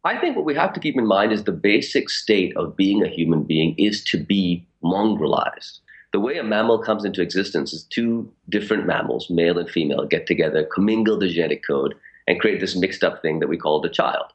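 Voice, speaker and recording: A man in his forties from Pakistan, an author speaking in a radio interview in a measured, thoughtful way. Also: low-pitched, expressive. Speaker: author guest.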